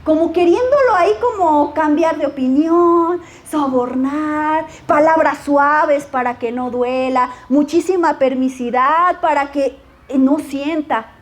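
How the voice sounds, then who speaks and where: A woman with a high, light voice delivers a sermon. She reads passages from the Bible and then explains them in a close, direct tone, as if speaking to a brother in the faith. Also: slow pace. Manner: reads verses aloud, then comments, addressing the listener as brother. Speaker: preacher.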